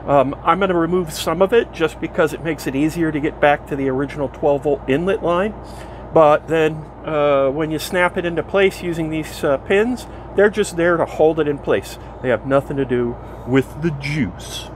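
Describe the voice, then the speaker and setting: A man's voice: fairly high pitch, normal speed. Rambling DIY man in a noisy bus. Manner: rambling, relaxed, many fillers and self-corrections. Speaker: DIY vlogger restoring a vintage motorhome. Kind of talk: casual thinking-aloud workshop narration. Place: inside an old motor coach. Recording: steady background hum, noisy.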